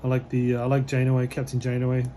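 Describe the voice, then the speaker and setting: Talking very fast, a man with a slightly hoarse, ordinary-pitched voice rambles casually through unboxing a model kit, using many fillers in a relaxed manner. He is losing his voice a little, and a faint hiss runs under the recording.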